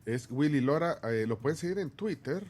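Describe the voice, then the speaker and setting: A man's voice: fairly high pitch, expressive, fairly quick, a little mellow. A man hosting a radio studio interview, casual in tone, reading listener comments aloud. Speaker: radio host.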